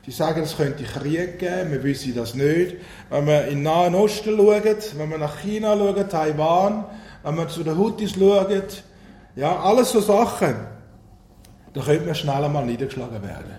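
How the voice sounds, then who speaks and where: A man's voice: fairly high pitch, normal speed, warm tone. A man with a Swiss German accent preaching a sermon in a chatty way, often asking his congregation questions. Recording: roomy hall with faint ambience.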